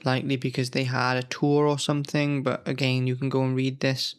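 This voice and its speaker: This man speaks at a medium pitch, fairly quickly, in a smooth monotone. Hosting his gaming channel while under the weather, he looks back through old magazines in casual, nostalgic commentary, thinking aloud, rambling, and frequently correcting himself.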